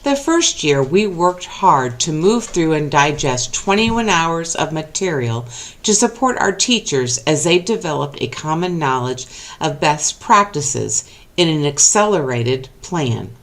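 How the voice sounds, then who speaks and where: Woman principal talking slow and low in a video clip, lots of pitch movement. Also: big pitch swings. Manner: deliberate, reflective. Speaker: school principal. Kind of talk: prepared statement in a video clip.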